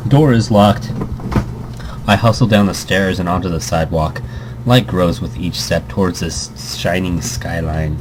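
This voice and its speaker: A man with a low, slightly slow voice gives casual let's play commentary, reading game text aloud. He keeps breaking off into rambling asides and interrupting himself. It's a noisy amateur recording made at home.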